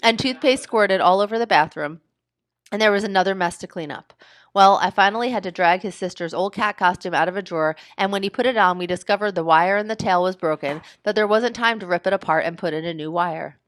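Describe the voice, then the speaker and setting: A woman's voice: mid-range voice, brisk, fairly bright tone, no room sound, close to an everyday voice. A woman voicing a harried, chatty mother who rambles on in exasperation in a storybook read-aloud. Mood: exasperated.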